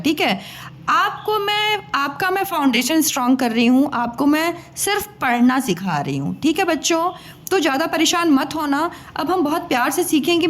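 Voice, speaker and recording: A woman teaches young children in a high, bright voice that rises and falls with lively expression. She coaxes them patiently, sounds out each letter slowly and repeats it so they can follow along. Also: slight background noise. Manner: patient, coaxing, calls listeners beta and bachche, repeats sounds slowly. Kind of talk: Hindi lesson for children.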